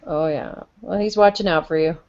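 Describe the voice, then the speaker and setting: A middle-aged woman co-hosting a talk show, chatting casually and telling stories in an animated way. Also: on the low side, normal speed, highs cut off. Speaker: co-host of a paranormal talk show. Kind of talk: casual chat and storytelling. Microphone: video call.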